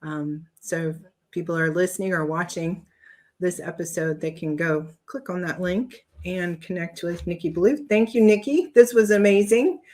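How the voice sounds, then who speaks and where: A woman hosting a casual podcast interview, giving brief affirming replies and a relaxed wrap-up. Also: lowish voice, normal speed. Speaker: podcast host.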